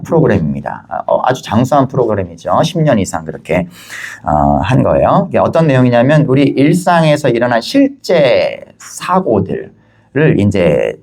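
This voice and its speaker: Lively, animated Korean pastor preaching. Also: male voice, mid-range voice. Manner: lively storytelling, rhetorical questions to the congregation; wry, gently humorous. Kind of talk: sermon.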